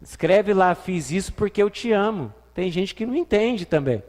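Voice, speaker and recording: A man's voice: high-pitched, expressive, moderate pace, darkish tone. A man with a Brazilian Portuguese accent preaching a sermon in a church, chatty and playful, asking the congregation questions. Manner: conversational preaching with playful asides and acted quotes. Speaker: pastor. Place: church hall. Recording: reverberant church hall.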